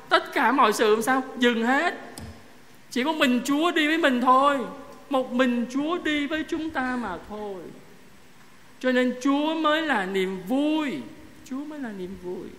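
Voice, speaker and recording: Male priest, sermon, high voice, long church echo, chatty, asks the congregation questions. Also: fairly bright tone. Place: parish church. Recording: echoey church hall, faint noise.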